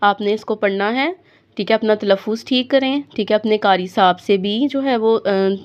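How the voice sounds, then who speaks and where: A woman teaching a recitation lesson, who explains the rules briskly, then recites slowly and draws out the words, and keeps checking with her students. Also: mid-range voice, muffled recording. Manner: keeps asking "okay?" to check on pupils.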